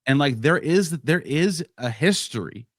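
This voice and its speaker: This podcast co-host or guest has a fairly high voice and sounds animated but unhurried. He's thinking out loud in a casual discussion, speaking in bursts with frequent restarts. The studio sound is clean, with no echo.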